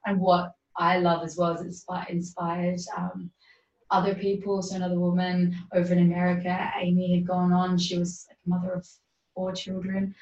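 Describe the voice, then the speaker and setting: Woman, podcast guest, casual storytelling, earnest, animated, lower voice, echoey room. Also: brisk. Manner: earnest, animated, laughs often. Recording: roomy, distant, dull sound.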